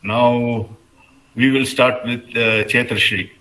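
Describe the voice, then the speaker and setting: A man with an Indian accent leading a class debate, deliberately questioning and probing his students. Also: mid-range voice, steady tone, pushed and bright. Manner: deliberate, probing, repeats answers back. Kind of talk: interactive lesson, questioning students. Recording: echoey room sound.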